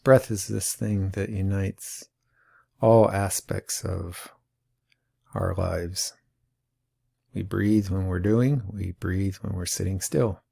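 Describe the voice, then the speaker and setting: Patient and unhurried, a male mindfulness teacher talks through an awareness exercise at a very slow, calm pace broken by long pauses. His voice is low and gravelly, with a mellow, dark tone.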